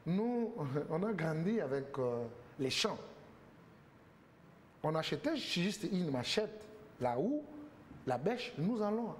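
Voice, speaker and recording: A man's voice: on the high side, big pitch swings, slow pace, long pauses, slight background noise. Emphatic man, raised voice. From Congo. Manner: emphatic, rhetorical questions, repeats words. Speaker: political guest. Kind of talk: TV talk show interview.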